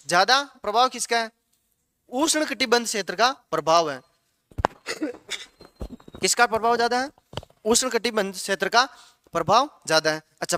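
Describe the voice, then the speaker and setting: Male teacher, high ringing voice, dry close sound, drills the class with repeated questions. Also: sharp tone, no echo. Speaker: geography teacher. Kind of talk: classroom lecture.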